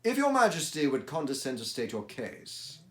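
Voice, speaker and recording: A man voicing a brisk, self-assured male detective who speaks crisply and emphatically, with dry confidence. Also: medium pitch, huge pitch swings, fairly bright tone, a little hiss or hum, pitched above the performer's own voice. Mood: brisk, commanding. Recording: echoey room.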